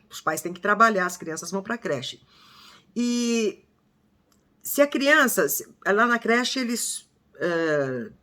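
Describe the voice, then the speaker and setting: A woman's voice: medium pitch, pushed and bright. An older woman from Brazil talking casually to her viewers, acting out quoted speech with emphasis. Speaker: vlogger.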